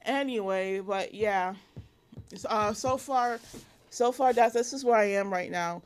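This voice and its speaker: A woman's voice: mid-range voice, measured pace, slight background noise. A woman in her thirties from Connecticut, talking casually as an interview guest, with many fillers and restarts. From Connecticut, USA. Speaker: interview guest, illustrator and cartoonist.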